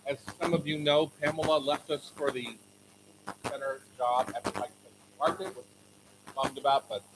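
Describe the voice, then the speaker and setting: A man hosting a live radio show from a kitchen before an audience, chatting and joking in a relaxed way. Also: mid-range voice, normal speed, noisy background.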